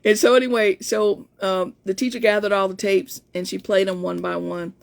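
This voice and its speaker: A woman's voice: medium pitch, flat delivery, moderate pace, vocal fry. A woman of about fifty with an in-between, not very feminine voice, telling a personal story in a chatty live stream as a coach. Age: 50s. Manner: storytelling, chatty, many restarts. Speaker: life coach. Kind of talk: casual live-stream talk to viewers.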